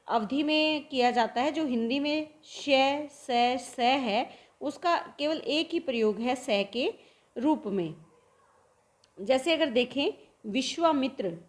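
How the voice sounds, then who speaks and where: A woman teaching a lesson, explaining word examples step by step, slowing to repeat them and asking herself questions as she goes. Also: sits high. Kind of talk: Hindi literature lecture.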